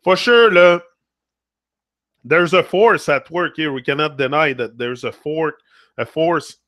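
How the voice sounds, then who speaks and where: In a slightly high, fairly bright voice, an unhurried native French speaker with a Québécois accent reads chat comments on a casual livestream. He switches languages between English and French mid-thought and often tags phrases with "là", with studio-quality sound and no echo.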